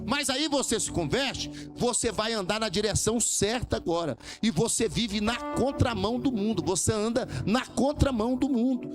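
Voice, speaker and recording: A man's voice: sits high, moderate pace, few pauses. A man preaching a sermon as pastor, speaking emphatically and calling the congregation to say amen. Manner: emphatic, calls for amens, rising preaching lines. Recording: music playing under the sermon.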